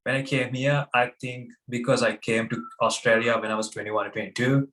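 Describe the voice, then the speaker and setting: A young man from Sri Lanka, a guest on an interview podcast, speaking with hesitant pauses and fillers. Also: medium pitch, steady tone, fairly bright tone. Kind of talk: casual interview chat.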